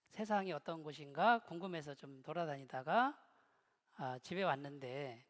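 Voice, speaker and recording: High-voiced pastor in a reverberant hall. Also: male voice. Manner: humorous storytelling, joking with the congregation. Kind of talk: sermon. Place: church hall.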